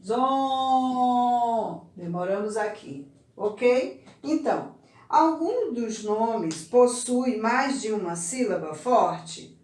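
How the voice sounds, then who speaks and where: A woman teacher giving a recorded lesson to young children, stretching out words slowly to show the stressed syllable. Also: mid-range voice, lively intonation, darkish tone. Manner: slow, drawn-out word stressing for children. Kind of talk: recorded remote class lesson. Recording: echoey room, voice from far off.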